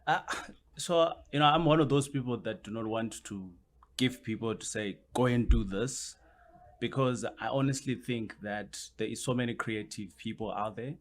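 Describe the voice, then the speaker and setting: A man's voice: mid-range voice, moderate pace. A man, a guest on a podcast interview, explaining his points at length and often circling back with "which basically means".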